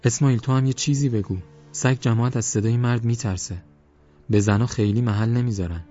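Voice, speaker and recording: A man voicing an anxious, sharp-tongued village woman who scolds and shouts, in a dull lo-fi recording with faint music behind. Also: mid-range voice, steady tone, pitched above the performer's own voice, natural voice. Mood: shouting.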